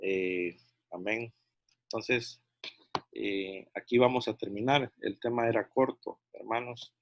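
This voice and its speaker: Halting man teaching a Bible study. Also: fairly low pitch, steady tone, no echo, highs cut off. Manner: halting, often checks in with "¿verdad?" and restarts phrases. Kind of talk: discipleship Bible teaching over video call. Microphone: video call microphone.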